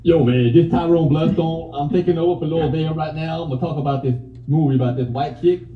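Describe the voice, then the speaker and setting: A man's voice: fairly high pitch, quick pace, a little hiss or hum, close to an everyday voice. A man putting on a brash, swaggering sit-in character who retells a film in crude slang. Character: brash trash-talking man sitting in as a guest. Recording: roomy, dull lo-fi sound.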